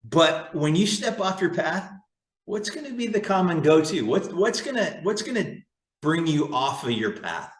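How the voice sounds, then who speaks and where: A man's voice: fairly high pitch, sing-song, normal speed, a little hiss or hum. Enthusiastic man hosting in a roomy studio. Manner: enthusiastic, rambling with restarts. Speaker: podcast host. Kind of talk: casual roundtable chat. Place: fitness studio. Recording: roomy echo.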